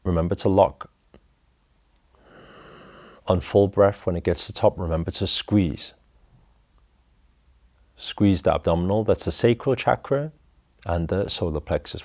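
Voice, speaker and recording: A man leading a guided breathing meditation, talking slowly and calmly through each step. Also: deep voice. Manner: slow, calm, instructive.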